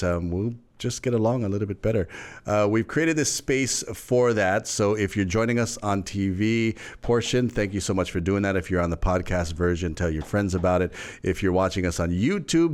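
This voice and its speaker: A man hosting a casual interview podcast over a video call, upbeat and laughing often. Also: lowish voice. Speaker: podcast host.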